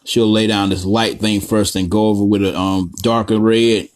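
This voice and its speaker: A man's voice: lowish voice, flat delivery, normal speed, soft background music. Rambling, foul-mouthed man teaching coloring. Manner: rambling, profane, joking asides. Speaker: art tutorial host. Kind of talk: casual drawing tutorial.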